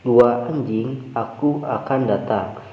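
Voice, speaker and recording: A man's voice: medium pitch, slow pace, close to an everyday voice. A man voicing a cold, vengeful young male cultivator in a comic recap, talking with contempt and threat. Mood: contemptuous. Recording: roomy, dull lo-fi.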